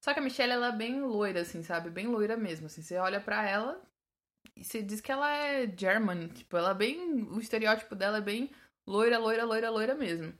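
A woman's voice: medium pitch, lively intonation, fairly quick, fairly bright tone. A Brazilian woman with a mixed São Paulo, Sergipe and Minas accent, giving a casual English-teaching talk full of restarts and fillers. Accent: Brazilian Portuguese, mixed São Paulo, Sergipe and Minas.

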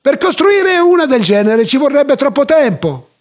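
A man's voice: very high voice, big pitch swings, moderate pace, pitched above the performer's own voice. A man voicing an eager, fussy village sage who once sold fish at the market. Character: fussy practical male village sage, former fishmonger.

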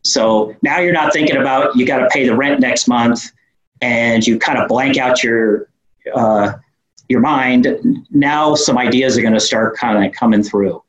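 A man with a New York accent talks like an interview guest who runs a business. His delivery is informal and explanatory, at a middling pitch. The recording has a clearly echoey room sound. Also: unhurried, a bit bright. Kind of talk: conversational interview answers.

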